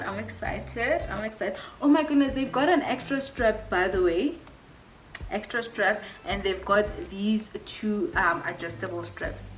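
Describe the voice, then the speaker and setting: A woman vlogging an excited hair unboxing, gushing and repeating herself as she talks to her viewers. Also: mid-range voice, echoey room, a little hiss or hum. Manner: gushing, repeats herself, says "you guys" often.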